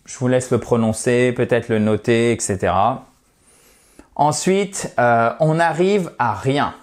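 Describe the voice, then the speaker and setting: A man's voice: mid-range voice, takes it slowly. Male teacher, casual online lesson, chatty, reassuring, friendly asides. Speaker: English teacher.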